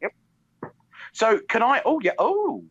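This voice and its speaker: A male co-host trading dry, teasing jokes. His pitch moves a lot, and the recording sounds slightly dull and lo-fi. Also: big pitch swings, unhurried, gravelly, fairly bright tone, slightly rough. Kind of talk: casual banter.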